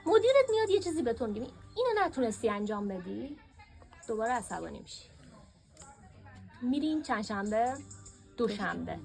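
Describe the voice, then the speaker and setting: A woman teaching a workshop class in a classroom, lively and asking her students questions. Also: a little high, creaky, pauses often, faint music behind.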